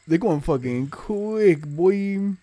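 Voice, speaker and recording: A young man talks in a fairly high but mellow voice, close and dry. He chats casually like a frat bro, full of slang and constant swearing. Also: animated, takes it slowly, no room sound. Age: young adult. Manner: bro-ish, slangy frat-boy talk with heavy swearing. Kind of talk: casual chat.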